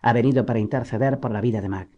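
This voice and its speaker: A composed lawyer speaks calmly and earnestly, read by a male audiobook narrator. The voice is mellow and warm, and the manner is measured and sincere. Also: mid-range voice, dull audio, close to an everyday voice.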